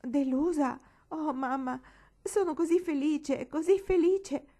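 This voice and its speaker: A woman voicing a small, anxious, emotional girl in a storybook reading, speaking high and excited with tearful outbursts. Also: moderate pace, gravelly, slightly rough.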